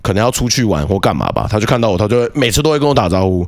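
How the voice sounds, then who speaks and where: A man tells a story from his childhood in a casual podcast chat. His delivery is quick and animated, and his pitch rises and falls widely. He often repeats words and restarts his sentences.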